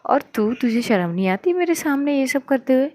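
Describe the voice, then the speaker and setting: Woman doing a teasing older sister: raised pitch, playful, pushy. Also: expressive, unhurried, a little mellow.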